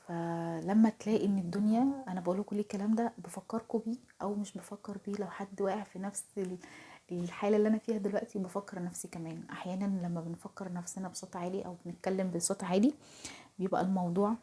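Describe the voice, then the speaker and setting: A young Egyptian woman with an Egyptian Arabic accent, talking softly and confidingly to her viewers in a casual home vlog, often dropping to a half-whisper. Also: medium pitch, steady tone, rapid-fire, breathy edge. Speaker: home vlogger. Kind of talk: casual talk to camera.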